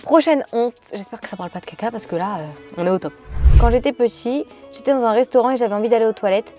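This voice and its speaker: Fast-talking chatty French woman vlogger. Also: on the high side, soft background music. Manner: chatty, animated reactions. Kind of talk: casual chat reading viewer stories.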